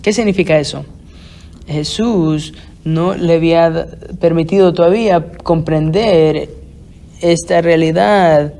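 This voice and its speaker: A male pastor preaching an expository sermon in a deliberate, halting way, often restarting his phrases. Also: a little high, creaky, warm tone.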